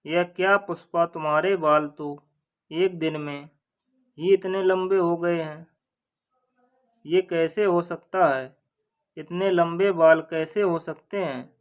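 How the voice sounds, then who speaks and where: Male narrator as bewildered village husband, anxious, storybook tale, slightly high, slow. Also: fairly even intonation.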